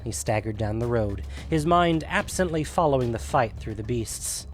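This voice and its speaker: A man tells a fantasy tale from a script in a medium-pitched voice, with soft music underneath. His pacing is measured and dramatic, and his intonation stays lively.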